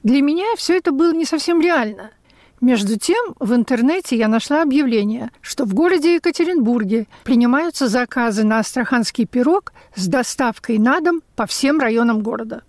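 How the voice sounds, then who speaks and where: A woman radio essayist reading her memoir-style script in a measured, reflective way. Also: a little high, animated, a little mellow, no echo.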